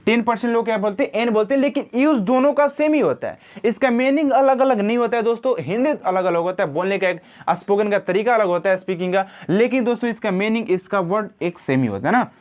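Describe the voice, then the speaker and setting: Repetitive grammar teacher. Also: male voice, high voice, a little mellow. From India. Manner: repetitive, drills words slowly, addresses viewers as friends. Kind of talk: classroom-style lesson.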